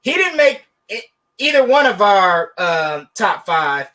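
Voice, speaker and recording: A man co-hosting a podcast, animated and joking, with sarcastic asides in casual sports debate. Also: high voice, slow pace. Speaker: podcast co-host.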